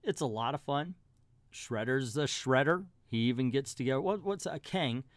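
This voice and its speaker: A man's voice: mid-range voice, expressive, normal speed, no room sound. A middle-aged man hosting a comic book review channel, giving a casual ranked countdown in a folksy, colloquial way with emphatic asides.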